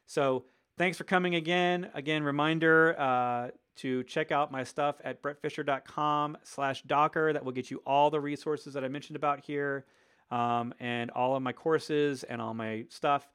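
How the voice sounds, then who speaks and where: A man's voice: on the high side, fairly even intonation, normal speed, a bit bright, smooth. A man hosting a live question-and-answer stream, explaining enthusiastically with frequent fillers, his voice wearing out. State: losing his voice.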